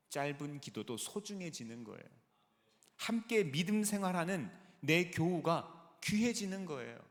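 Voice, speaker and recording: A male pastor preaching a sermon, with lively delivery and rhetorical questions put to the congregation. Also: on the high side. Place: large church sanctuary. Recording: long reverb of a large sanctuary.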